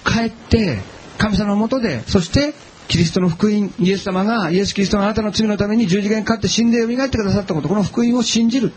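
A man's voice: sits high, fast talker, a little hiss or hum, low-quality recording. A man preaching a sermon as a pastor, telling personal stories in a chatty way and asking the audience questions.

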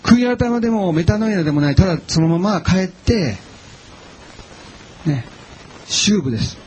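A man's voice: high voice, animated, moderate pace, a little mellow, a little hiss or hum, poor audio. A man preaching a sermon as a pastor, telling personal stories in a chatty way and asking the audience questions.

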